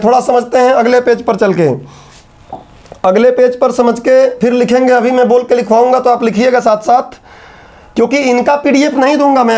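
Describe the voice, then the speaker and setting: A man's voice: very high voice, a little mellow. A man teaching a lecture class, explaining each point and repeating it so students can take notes.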